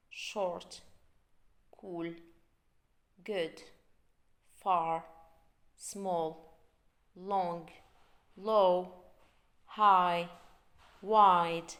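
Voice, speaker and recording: A woman teaching an English grammar lesson, reading out words slowly and repeating them for learners. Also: lowish voice.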